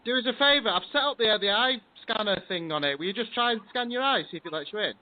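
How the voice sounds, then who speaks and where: Guy talking through a doorbell speaker, high lively voice, tinny phone-like sound, giving playful instructions. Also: quick pace. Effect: heard through a doorbell speaker. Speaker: son pranking his dad. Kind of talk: casual prank instructions. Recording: tinny doorbell camera audio.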